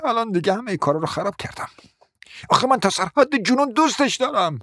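A man's voice: high-pitched, animated, pushed and bright. A desperate, lovesick young suitor in a radio drama, stammering and begging as his voice leaps up and down. The recording is dry, with no reverb. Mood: desperate pleading. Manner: stammering, pleading. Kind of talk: radio play acting.

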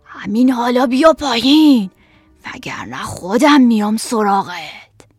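A woman's voice: medium pitch, vocal fry, a little mellow, breathy edge, no room sound, soft background music. A woman voicing a cruel, menacing husband in a storybook reading, speaking coldly and threateningly. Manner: threatening, cold. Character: cruel menacing husband, grown man, villain.

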